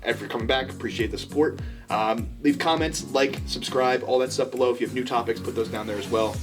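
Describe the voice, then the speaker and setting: A man's voice: mid-range voice, fast talker, music in the background. A man in his thirties co-hosting a casual podcast, laid-back, swearing freely, crude jokes. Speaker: podcast co-host. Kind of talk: casual chat.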